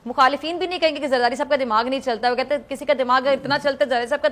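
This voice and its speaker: A woman's voice: sits high, fairly even intonation, a bit bright. A young woman with a Pakistani Urdu accent hosting a political talk show, politely interrupting and pressing her guests with pointed questions. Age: young adult.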